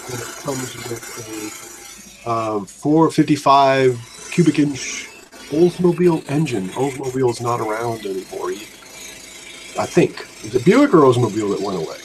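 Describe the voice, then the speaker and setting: A man with a medium-pitched voice co-hosts a livestream. He speaks casually and relays viewer chat, with some faint noise behind him. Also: animated, normal speed, poor audio. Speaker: livestream co-host reading chat.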